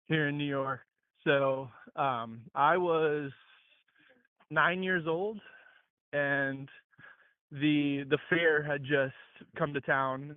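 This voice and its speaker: A man in his late twenties from Mississippi, calling in over a phone speaker and telling a long, rambling story while he walks, with many halting restarts. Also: on the high side, no echo. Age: late 20s. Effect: heard over a phone speaker. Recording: tinny dry phone line.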